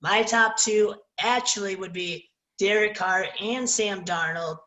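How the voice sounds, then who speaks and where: Man, podcast co-host, relaxed sports chatter who steers the topics, roomy echo on the voice. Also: high voice, unhurried. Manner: relaxed, leads the discussion and moves to new topics. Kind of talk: casual sports chat.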